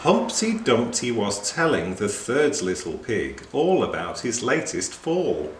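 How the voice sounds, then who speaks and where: A man reading a children's picture book aloud in a slow, very expressive way. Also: mid-range voice. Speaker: storyteller. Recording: echoey room with faint noise.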